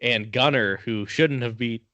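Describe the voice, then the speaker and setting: A man's voice: mid-range voice, unhurried, sharp tone, no room sound. A man co-hosting a podcast, telling the story in a laid-back, casual way and cursing now and then. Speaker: podcast co-host. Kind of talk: casual chat.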